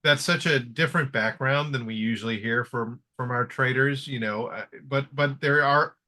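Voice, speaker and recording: A man's voice: medium pitch, normal speed, pushed and bright. A man hosting a live trading webinar, talking in a friendly casual way with many fillers and restarts. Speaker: webinar host.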